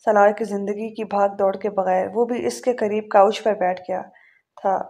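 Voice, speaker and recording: A woman narrating a novel aloud in a calm, measured way, now and then correcting a word. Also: mid-range voice. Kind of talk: audiobook reading of a novel.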